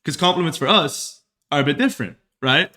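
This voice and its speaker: A man's voice: on the high side, lively intonation, fairly quick, bright, forceful tone. A young man from Saudi Arabia talking earnestly and repetitively to his live chat as a streaming podcast host. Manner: earnest, repetitive, self-reflective. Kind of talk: casual monologue to live chat.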